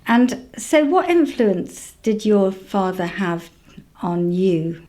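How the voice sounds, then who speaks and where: A woman hosts an interview, her voice moving lively up and down as she asks questions. She sounds curious and keeps her guest talking with short prompts. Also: medium pitch, takes it slowly.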